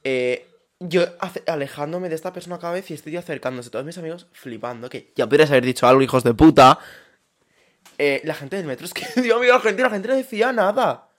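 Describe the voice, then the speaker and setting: A young man, co-hosting a casual podcast and telling stories in an animated way, laughing often. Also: on the high side, a little fast. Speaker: podcast co-host. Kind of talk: casual chat.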